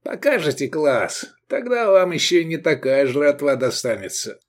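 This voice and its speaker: A sly, drawling slave dealer who squints and haggles over every coin, as a male reader puts him on. The voice sits noticeably above the narrator's own and rolls up and down with animated intonation. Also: on the high side, normal speed, voice pushed up, natural voice. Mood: gruff.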